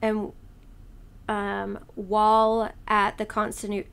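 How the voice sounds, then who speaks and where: A woman's voice: mid-range voice, completely flat delivery, slow pace, vocal fry, smooth. A woman co-hosting a podcast, talking casually with lots of fillers as she explains history from her notes. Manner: rambling, filler-heavy, breezy. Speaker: podcast co-host. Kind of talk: casual chat.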